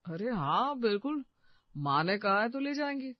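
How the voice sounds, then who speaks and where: A woman voicing an easygoing young husband who talks in a relaxed, reassuring way. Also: fairly high pitch, moderate pace, no echo, dull audio, pitched above the performer's own voice.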